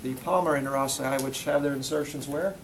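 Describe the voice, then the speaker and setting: A man leads a hands-on demonstration in class, coaching with short, repeated commands and quizzing students between steps. His medium-pitched voice is creaky and fairly quick, with fairly even intonation, captured in a noisy classroom.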